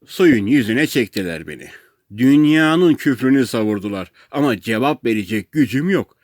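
A man narrating a comic story in the first person as an audiobook reader, with an expressive, playful telling. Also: mid-range voice, moderate pace.

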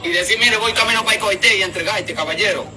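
A man's voice: high-pitched, fast talker. A man, pressing and demanding answers on a recorded phone call. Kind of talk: heated phone argument. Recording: distant noisy phone recording.

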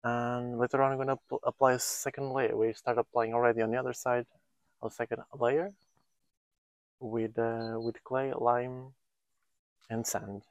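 This is a man in his thirties talking about volunteer building work on a countryside site. He wears a lapel mic, so his voice sounds close and dry. His pitch sits in the middle, and he hesitates and restarts often while he searches for words. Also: little pitch movement, normal speed, dry recording, dull audio. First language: Portuguese. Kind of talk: casual on-site interview.

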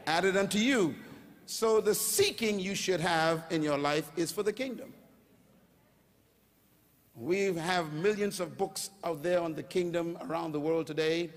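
With an unhurried pace, an older Bahamian man preaches into a handheld microphone from a large stage. His voice sits high, rising into shouts as he leads the crowd in call-and-response, while a long hall reverb lingers after each phrase.

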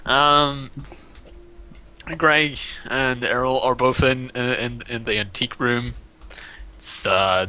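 A man narrating as game master of a tabletop role-playing game, his voice extremely bright and cutting. He feels his way through each description with "uh"s, "um"s and restarts, at a middling pitch. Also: rough recording. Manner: hesitant, full of fillers and restarts.

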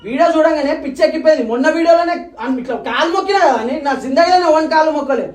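A young man with a Telangana accent, arguing angrily and accusingly in a vlog. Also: extremely high pitch. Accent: Telangana Telugu. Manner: angry, accusing, rapid-fire. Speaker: vlogger. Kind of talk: heated couple argument. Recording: roomy echo.

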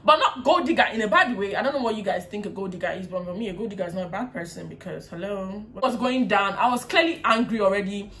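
A young woman with a Nigerian English accent telling a storytime vlog casually, animated and often laughing while mimicking others. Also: mid-range voice, fast, hardly any pauses, a little hiss or hum. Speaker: vlogger.

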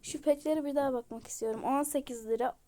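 A high-pitched woman talks her viewers through a game. She reacts excitedly to each new find and gushes over the cute items. Her commentary is casual and chatty. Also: fast talker. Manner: excitable, gushing exclamations. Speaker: game vlogger.

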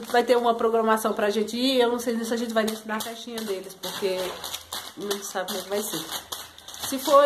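A woman's voice: a little high, noisy background. A young mother with a Pernambuco Brazilian accent, talking to her toddlers in a playful sing-song baby-talk voice for a home vlog. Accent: Pernambuco Brazilian Portuguese. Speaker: mother of triplets, vlogger.

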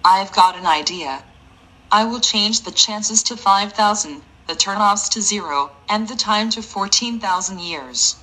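A woman's voice: mid-range voice, unhurried, sharp tone, low-quality recording. A synthetic woman voicing a mocking, defiant computer user. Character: defiant female computer user taunting the error.

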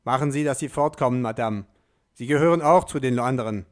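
A gruff elderly saint guards a gate in a storybook reading, as a male reader puts him on. He barks his orders loudly, pitched a little above the reader's own voice, with a colour. The delivery stays slow and deliberate. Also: natural voice. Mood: brusque. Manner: loud, barking orders.

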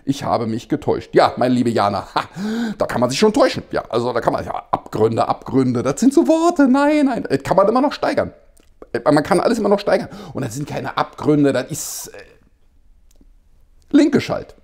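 A man's voice: medium pitch, big pitch swings, fairly quick, gravelly. A man hosting a satirical news show, reading out headlines and adding ironic, mock-innocent asides, often chuckling between remarks.

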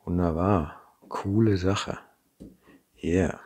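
A man's voice: sits low, fairly even intonation, extremely slow, a little mellow, breathy edge. A middle-aged man from the Ruhr area with a Ruhr German accent, chatting and thinking aloud as he demonstrates assembling a kit at his workbench, often tagging sentences with a questioning "ne?". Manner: chatty, thinking aloud while working, frequent "ne?" tags. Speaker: model kit maker. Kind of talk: unscripted hands-on build demonstration. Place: indoor workbench. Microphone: camera mic over a tabletop, hands in frame.

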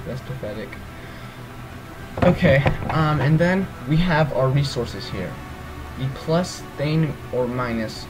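On a rough recording, a groggy man with a medium-pitched voice does a casual let's play walkthrough of a strategy game's menus. He hesitates, rambles, and keeps saying um and correcting himself.

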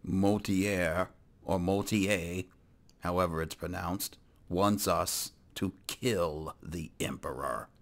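Slow, gravelly deep-voiced gamer. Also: male voice. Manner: dry, deadpan, speaking in character. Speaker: let's play host. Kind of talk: role-played gameplay commentary.

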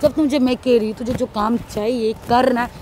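A woman with a high voice argues in the open air, first hurling abuse, then pleading through tears. Her lines come in a tense, urgent rush. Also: steady tone, normal speed, mellow, slight background noise. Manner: abusive then tearful and pleading. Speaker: woman confronted in a staged street prank video. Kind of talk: heated street confrontation, pleading. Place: outdoors on a city street.

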